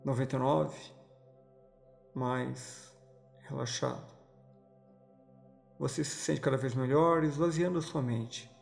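A Brazilian man narrating a guided hypnosis relaxation like a sleep story, giving soothing, slow instructions with pauses. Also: medium pitch, steady tone, gravelly, a little mellow. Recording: voice over background music. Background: music.

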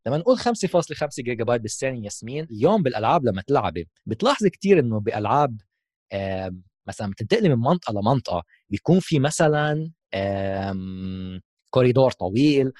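A man's voice: medium pitch, very animated, quick pace, darkish tone, dry recording, studio quality. A man with a Levantine Arabic accent giving a casual explanatory tech talk as a gaming host, mixing in English terms.

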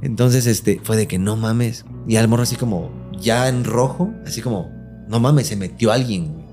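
A podcast host with a Mexican Spanish accent tells a real ghost story on a casual show, his voice on the low side at normal speed with faint music behind. He is full of slang and acts out every quote in a different, lively voice.

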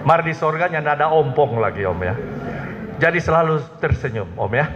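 Animated Manado-accented preacher in a reverberant hall. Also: male voice, a little high, a little fast, background noise. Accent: Manado Malay. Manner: joking, animated, keeps addressing the congregation. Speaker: pastor. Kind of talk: humorous sermon with call-and-response. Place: church hall. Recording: dull sound with long hall reverb.

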